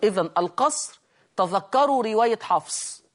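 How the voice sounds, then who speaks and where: Man, egyptian accent, recitation teacher, recorded lesson, slow drawn-out demonstrations. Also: sits high, lively intonation. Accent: Egyptian Arabic.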